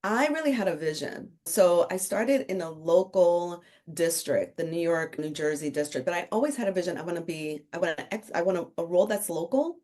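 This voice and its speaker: Speaking briskly and barely pausing, this middle-aged woman from the Dominican Republic has a fairly low, slightly mellow voice. She's an author and consultant chatting casually on a podcast, recounting her career with plenty of jokes.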